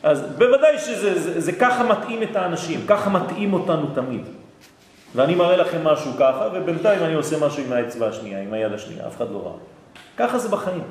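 A man teaching a lecture to a class, lively and often checking that listeners follow. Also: fairly high pitch, a little hiss or hum. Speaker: Torah teacher. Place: hall with an audience. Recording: echoey hall.

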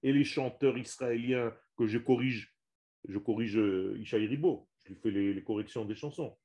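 At normal speed and in a dark, medium-pitched voice, a man leads a small group through a religious lesson on the Hebrew language. He stresses each Hebrew term forcefully, often repeating himself and starting phrases over.

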